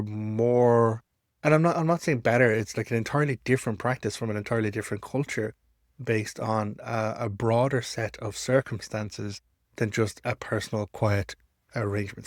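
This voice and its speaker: A man's voice: lowish voice, no room sound. Irish man, conversational storyteller, close dry sound. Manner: conversational storytelling, emphatic repetition. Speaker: storyteller and pagan teacher. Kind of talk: informal explanatory talk to camera.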